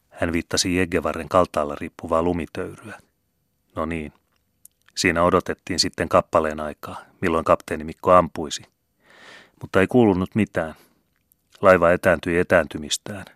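Deep-voiced man reading a folk tale. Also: a bit bright, dry recording, clean studio sound. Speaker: audiobook reader. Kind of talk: literary narration.

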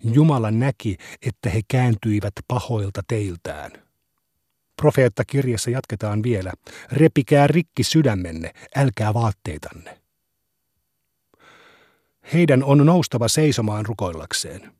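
Male reader, solemn measured recitation of scripture, dry studio sound. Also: mid-range voice, lively intonation, warm tone, slightly rough, no echo. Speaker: reader of religious texts. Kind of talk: scripted reading of translated scripture.

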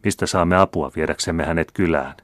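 A man reading aloud the lines of a noblewoman disguised as a peasant, speaking earnestly, solemnly and gently. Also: deep voice, dry recording, studio quality. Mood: grave. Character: noble woman disguised as a peasant, calm and grave.

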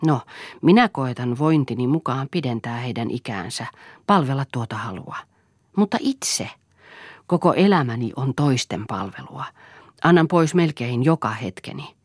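A woman reading the part of a male doctor in an audiobook, speaking in a measured, gently ironic way. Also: rumbling low, animated, slightly rough, dry recording, studio quality, full character voice. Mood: earnest. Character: man, a doctor, gently wry and earnest. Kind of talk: audiobook character voice.

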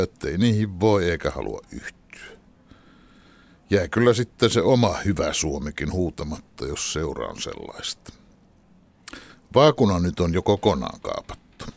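Middle-aged male radio host, low voice, varied pitch, measured wry read. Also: no echo.

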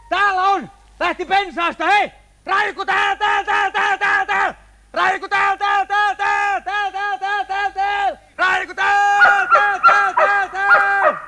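A man's voice: sharp tone, full character voice. An actor playing a hunter who hollers from far away, calling his hound across the woods. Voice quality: shrill, hollering from afar. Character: distant male hunter yelling for his hound.

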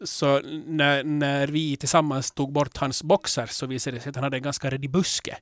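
A man hosting a podcast in casual chat, candid and rambling, with many restarts, growing animated when telling stories. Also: mid-range voice, no room sound, clean studio sound. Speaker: podcast host.

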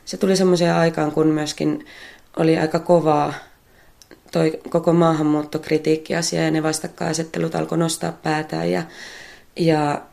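A woman's voice: low-pitched, level tone, vocal fry, darkish tone. A woman who works as a puppet theatre artist, answering interview questions while thinking aloud, restarting and repeating words.

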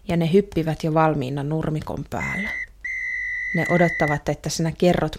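An earnest young girl tells her own story in a radio drama. She speaks hesitantly in a fairly low voice. The telling stays close and first-person throughout. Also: noisy background. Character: young girl longing for her father's approval.

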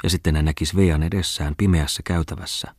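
Audiobook narrator: man, very low husky voice, dry studio sound. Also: fairly even intonation, no echo. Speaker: audiobook reader.

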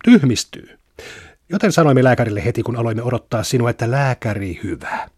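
A calm, matter-of-fact father from a short-story reading, as a man reads him aloud. His voice is husky and dry, with no room sound. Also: mid-range voice, no room sound. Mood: earnest.

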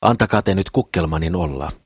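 A man's voice: low-pitched, animated, slightly rough, no echo, clean studio sound. A man voicing a jovial young businessman who laughs things off.

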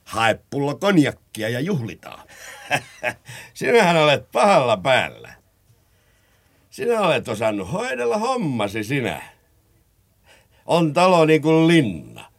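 An actor playing a drunk, sly blackmailer in an old radio drama, taunting and mocking. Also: male voice, medium pitch, wildly swooping pitch, vocal fry, pauses often, exaggerated voice.

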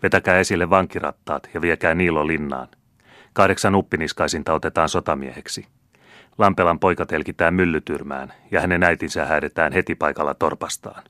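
A man's voice: very deep voice, steady tone, a bit bright, no room sound, studio quality. A man reading aloud plays a stern, secretive estate steward, speaking in a grim, firm tone.

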